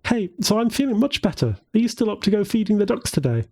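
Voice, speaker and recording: A man's voice: sits high, sing-song, quick pace, a little mellow, voice pushed up, heavily acted. A man voicing a hopeful, devout young woman in an audiobook, speaking in an upbeat way. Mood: cheerful.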